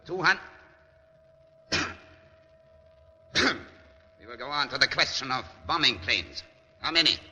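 An actor playing a cold Nazi lieutenant with a German accent, speaking formal, halting English with polite menace in a mid-century dramatic style. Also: male voice, medium pitch, animated, pushed and bright, full character voice. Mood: controlled impatience. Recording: muffled old film sound, reverberant hall, hiss.

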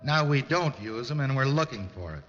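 A man's voice: medium pitch, lively intonation, moderate pace, a bit bright, natural voice. An actor playing a defiant working-class American merchant seaman, dry, folksy and insolent, in a mid-century dramatic style. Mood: dry, guarded. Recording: muffled old film sound, reverberant hall, hiss.

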